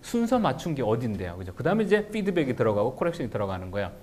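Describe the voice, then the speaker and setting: A man giving a lively lecture to teachers on how to teach English writing, slowing right down to spell out example sentences. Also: mid-range voice. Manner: animated, shouts example phrases, slows down for English sentences.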